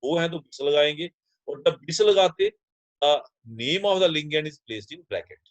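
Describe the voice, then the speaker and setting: A man's voice: on the high side, lively intonation, slow, no echo, low-quality recording. Male chemistry teacher, explaining step by step. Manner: explains step by step, asks and answers his own questions; addresses students as children. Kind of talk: classroom lecture mixing Hindi and English.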